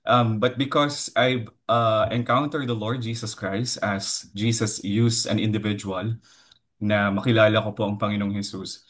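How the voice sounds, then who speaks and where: Deep-voiced man giving an earnest testimony. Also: steady tone, a little slow, fairly bright tone. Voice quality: deep baritone. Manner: earnest, mixes English into his talk, frequent fillers and "po". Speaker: lay preacher giving a testimony. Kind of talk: devotional testimony.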